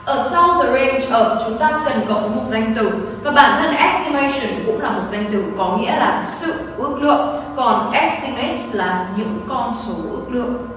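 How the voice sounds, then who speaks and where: A woman with a Vietnamese accent walks through an English exam, reading passages and word lists aloud before explaining them. Her voice sits a little high. It is heard from some distance in a very echoey room with a long reverb tail. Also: animated, moderate pace, a bit bright, a little hiss or hum. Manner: reads English text then translates it line by line. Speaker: English teacher. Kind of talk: exam walkthrough lesson.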